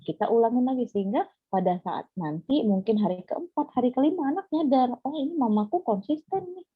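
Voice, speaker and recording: A woman giving a webinar talk on parenting, chatty and lively, speaking directly to the mothers listening over a video call. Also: on the high side, husky, dry recording. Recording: phone-like thin audio.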